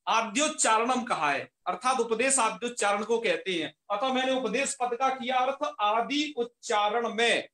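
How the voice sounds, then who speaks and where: A man teaching an online class in a high, bright voice. He explains patiently, repeating each key term and posing questions he then answers. The sound carries a noticeable room echo. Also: moderate pace, hardly any pauses. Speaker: Sanskrit grammar teacher.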